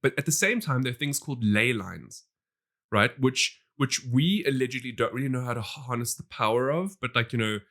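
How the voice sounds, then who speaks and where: A man co-hosting a podcast in casual chat, animated, laughing often and restarting his sentences. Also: mid-range voice, a little fast. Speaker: podcast co-host.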